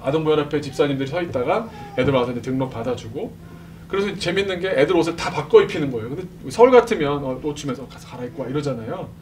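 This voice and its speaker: A man telling a lively testimony to a church congregation, acting out the voices of the people in his story and laughing often. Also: on the high side. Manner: animated, acts out quoted voices, laughs often. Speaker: speaker at a church service. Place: church sanctuary. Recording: distant mic with background noise.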